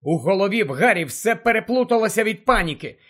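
A man with a high voice for his sex reads a fantasy audiobook with urgent, dramatic narration. He drops lower and quieter for the dark passages. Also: animated, quick pace. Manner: tense, urgent storytelling that drops low and quiet for dark moments.

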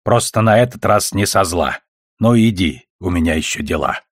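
A man's voice: low voice, expressive, normal speed, dry recording, clean studio sound. A man voicing a blunt, foul-mouthed elderly grandmother who speaks curtly and sharply in an audiobook. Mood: gruff. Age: older. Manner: curt and sharp-tongued.

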